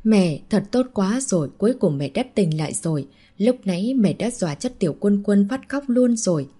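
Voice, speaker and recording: A woman's voice: medium pitch, lively intonation, moderate pace, dark tone, slightly rough. A woman reading an audiobook voices a frightened little girl who whimpers for her mother. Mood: relieved. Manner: whimpering, childlike sobbing.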